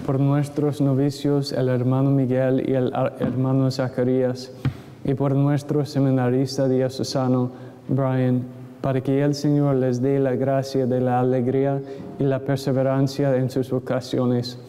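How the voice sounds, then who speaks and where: A man speaking as a priest, solemnly and in measured phrases reciting prayers at Mass in a cathedral echo. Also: mid-range voice, monotone, mellow, slight background noise. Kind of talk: liturgical recitation of creed and prayers. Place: large church, standing at the altar. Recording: echoey church with long reverb, congregation sounds. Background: congregation.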